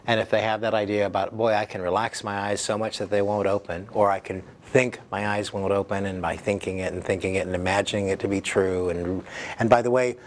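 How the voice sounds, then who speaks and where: Informal man teaching, lowish voice. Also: little pitch movement. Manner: halting, self-interrupting, informal. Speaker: hypnosis instructor. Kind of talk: casual teaching explanation. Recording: clear background noise.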